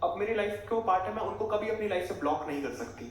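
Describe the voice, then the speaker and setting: A man's voice: high voice, expressive, pitched above the performer's own voice. A male stand-up comedian voicing an exasperated middle-aged mother who nags and frets about money. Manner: scolding, rapid complaining lists. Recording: echoey, distant and noisy stage recording.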